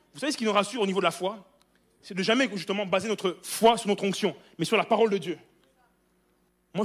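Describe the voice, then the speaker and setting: A man preaching a sermon in a church with fervent repetition and frequent hallelujahs. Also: high voice.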